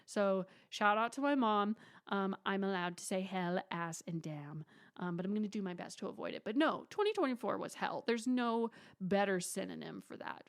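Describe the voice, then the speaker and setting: A woman in her twenties hosting her own podcast, chatting casually and dramatically with playful asides and mock whispers. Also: medium pitch. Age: 20s. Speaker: podcast host. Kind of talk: casual solo podcast chat.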